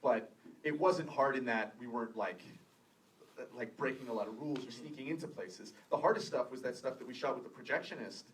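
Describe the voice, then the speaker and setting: A Canadian man in his thirties tells stories at a post-screening Q&A, lively and quick to laugh, acting out the people he quotes. He is picked up from a distance in a theater, with a faint hiss under him. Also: medium pitch. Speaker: filmmaker guest at a Q&A. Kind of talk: casual Q&A storytelling. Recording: distant room recording with faint noise.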